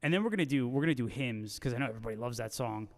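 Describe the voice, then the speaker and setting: A man hosts a casual guitar livestream, reading out viewer comments and bantering in joking, slangy talk. His mid-range voice is animated and racing. A long, hall-like reverb hangs on his voice.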